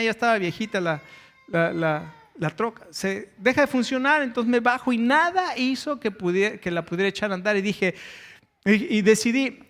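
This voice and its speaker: A man delivers a sermon, his voice sitting notably high. He tells stories at length, pausing on fillers and restarting phrases as he goes. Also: fairly bright tone. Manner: storytelling with frequent hesitations and restarts. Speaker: pastor.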